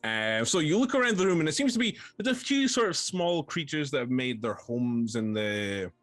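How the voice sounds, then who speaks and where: Man, game master, hesitant narration, lively intonation, dry sound. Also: a little high, normal speed, no room sound. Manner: hesitant, many ums and restarts, descriptive.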